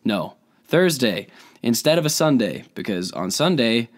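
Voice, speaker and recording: Hoarse young man hosting a chat. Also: big pitch swings, measured pace. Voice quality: low husky voice. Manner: joking, self-deprecating. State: hoarse from bronchitis. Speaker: podcast host. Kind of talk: casual chat.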